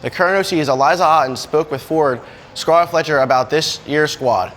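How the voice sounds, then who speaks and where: A man's voice: a little high, brisk, a bit bright, slight background noise. A young man reading a sports segment in an upbeat, chatty way. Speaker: sports reporter.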